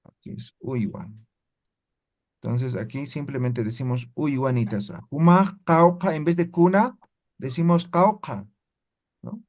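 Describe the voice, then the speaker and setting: A man leading a language class speaks at a medium pitch with lively intonation, a measured pace and long pauses, his voice a little mellow. He patiently explains step by step and repeatedly checks in with students using "¿no ve?".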